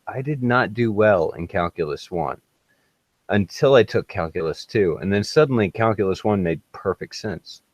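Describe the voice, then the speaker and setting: A man's voice: lowish voice, expressive, moderate pace, no echo. A man hosting a casual podcast chat, joking and laughing often. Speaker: podcast host.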